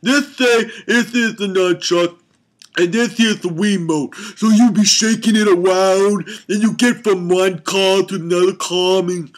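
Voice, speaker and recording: A man's voice: high voice, fairly even intonation, measured pace. A man hosting a comic game review, rambling and muttering, with sudden angry outbursts. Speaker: comedy show host.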